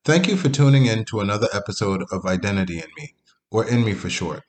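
Animated and quick, with a lowish voice, a podcast host jokes around with his old college friend in a casual interview. He grew up partly in Canada and comes from a Haitian family.

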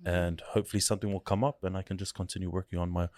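A man's voice: sits low, flat delivery, very fast, darkish tone, no room sound. Laid-back man. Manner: laid-back, chatty, laughs easily. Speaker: podcast guest, actor. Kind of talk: casual chat. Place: studio.

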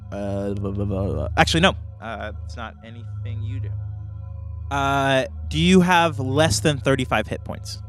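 Male podcast game master, mid-pitched, informal and stop-start as he improvises narration over soft music. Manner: halting, filler-heavy, informal. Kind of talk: casual improvised tabletop narration.

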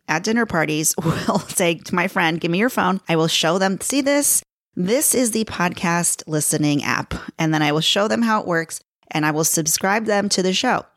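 Speaking in a lowish register, this Chicago-accented, middle-aged podcast host rambles through a casual solo episode. She's chatty and self-deprecating, laughing frequently, and the sound is dry and studio quality.

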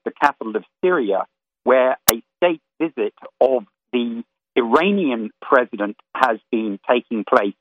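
A man calling in to a radio talk show, giving a rapid, detailed briefing on world affairs. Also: medium pitch. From Florida. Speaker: caller. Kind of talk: call-in radio commentary. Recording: tinny phone line.

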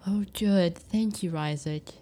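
A woman's voice: lowish voice, slow pace, a little hiss or hum. Woman voicing a polite young wife. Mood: pleased. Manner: courteous, bright on the surface.

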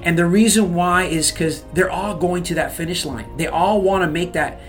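A man's voice: high-pitched, moderate pace. Hyped-up guy talking real estate to camera, keeps going "okay? you guys", faint music behind. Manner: pumped-up, repeats and pushes with "okay?" and "you guys". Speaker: real estate investor giving advice. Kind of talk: motivational talk to camera.

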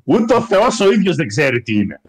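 A man's voice: a little high, big pitch swings, a crowd in the background. A man co-hosting a casual wrestling chat, wry and teasing as he argues about wrestlers. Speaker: podcast co-host.

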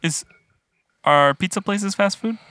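A man's voice: high voice, a little slow, sharp tone, no echo. A man co-hosting a casual podcast, telling stories with lots of laughing and swearing. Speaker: podcast co-host.

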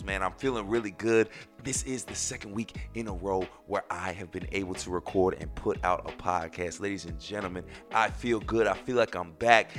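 A man's voice: on the low side, a bit bright. Emphatic man hosting a casual podcast. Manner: emphatic, repeats phrases for effect. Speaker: podcast host. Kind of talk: casual solo podcast monologue.

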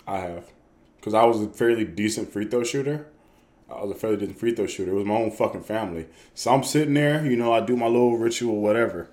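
A man's voice: lowish voice, fast, darkish tone. A man co-hosting a podcast, telling stories in casual, profane chat with laughter. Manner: storytelling with swearing and laughter. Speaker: podcast co-host.

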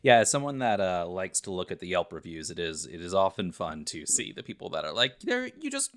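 A man's voice: deep voice, fairly quick. A man co-hosting a casual podcast chat, making dry teasing jokes. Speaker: podcast co-host.

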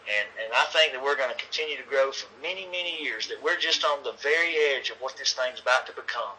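A man's voice: medium pitch, quick pace, pushed and bright, slight background noise, low-quality recording. A man being interviewed as a racing league organizer, talking in an earnest, folksy way and rallying listeners. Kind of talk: casual interview chat.

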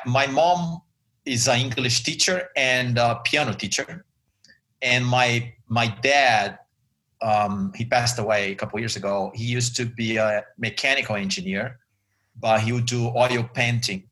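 A man from Brazil, chatting as an interview guest in a relaxed way with many fillers. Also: mid-range voice, a little slow. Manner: relaxed, chatty, many ums and you-knows. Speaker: guest, advertising creative director. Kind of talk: interview conversation.

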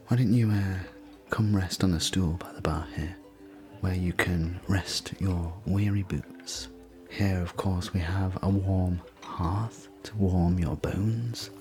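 A man voicing a friendly, hospitable innkeeper of a fantasy tavern in a whispered sleep-story roleplay, talking in a soft, gently rambling way. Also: sits low.

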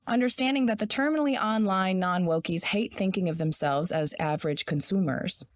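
A woman in her thirties with a raspy sore throat, co-hosting a podcast and bluntly reading her essay aloud, swearing freely. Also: medium pitch, no echo. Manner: profane, blunt, reads quickly. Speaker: podcast co-host.

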